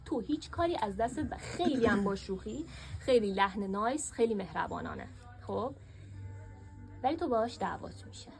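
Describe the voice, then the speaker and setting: A woman teaching a workshop class in a classroom, lively and asking her students questions. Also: medium pitch, vocal fry, faint music behind.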